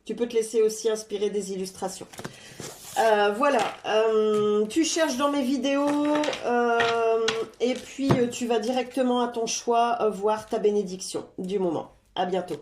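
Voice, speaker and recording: A woman giving a casual tarot card reading, chatty and unhurried, with many "euh" fillers. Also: a little high, fairly even intonation, reverberant, noisy background. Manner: stops to talk to her cat.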